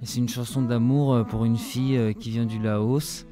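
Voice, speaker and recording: A man casually introducing his own song, speaking in a halting, hesitant way. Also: medium pitch, steady tone, music in the background. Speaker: songwriter.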